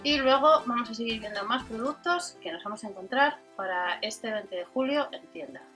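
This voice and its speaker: A woman's voice: fairly high pitch, normal speed, pushed and bright, faint music behind. A woman with an accent from Spain doing an informal product rundown as a channel host, reading out specs and prices item by item. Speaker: host of a shopping video channel.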